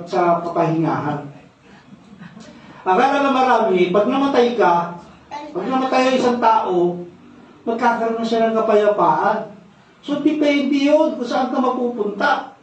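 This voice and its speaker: A man's voice: very high voice, expressive, a little slow, slight background noise. A man preaching a sermon as pastor, telling stories, repeating key phrases and ending phrases with a questioning "no?". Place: church sanctuary, indoors. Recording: very echoey hall, distant dull mic.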